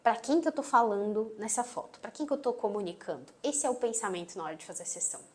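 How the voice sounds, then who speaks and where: A woman with a Brazilian accent and a sweet, gentle voice, teaching an online course lesson and closing her phrases firmly. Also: on the high side, fast. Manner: emphatic, closes phrases firmly. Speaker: marketing instructor. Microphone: phone on tripod.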